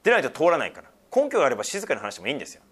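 A man's voice: a little high, huge pitch swings, very fast, a bit bright, breathy edge. A middle-aged male pastor giving a sermon, explaining scripture with frequent asides and a conversational, teaching tone.

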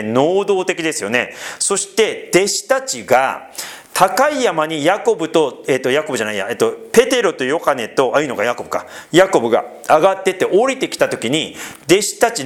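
A man preaching a sermon as pastor, conversational and animated, with frequent fillers and asides to the congregation. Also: fairly high pitch.

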